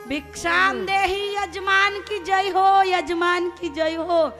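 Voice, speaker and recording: A patient, playful god in disguise as a wandering priest, voiced by a woman telling a sacred story. He calls out blessings in a high, bright, chanting voice. He takes his time and teases the people he is testing. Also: a little slow, long reverb tail, soft background music, full character voice.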